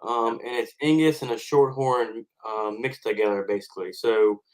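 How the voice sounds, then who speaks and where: A man's voice: medium pitch, fairly even intonation, normal speed, a little mellow, poor audio. A man, a farmer guest on a podcast, explaining and telling stories casually.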